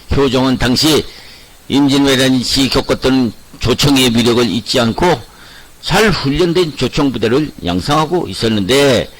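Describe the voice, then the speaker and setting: A man's voice: mid-range voice, fairly bright tone, rough recording. An older man telling history to viewers in a loose storytelling way, sometimes correcting himself as he goes. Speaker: history channel host. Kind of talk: history narration.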